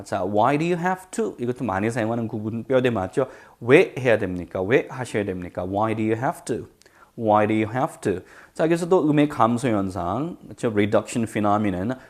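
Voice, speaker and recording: A man's voice: medium pitch, lively intonation. Man teaching English phrases. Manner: drills English phrases slowly, explains quickly in Korean. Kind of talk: language lesson.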